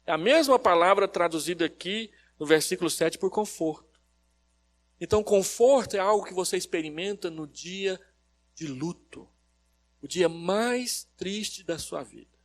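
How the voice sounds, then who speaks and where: A Brazilian-accented pastor preaches at a church service in a fairly high voice. He tells stories and asks the congregation questions. His delivery swings between loud, stressed lines and quiet, low-key phrases. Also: measured pace. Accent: Brazilian Portuguese. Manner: storytelling preacher who quizzes the congregation. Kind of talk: expository sermon.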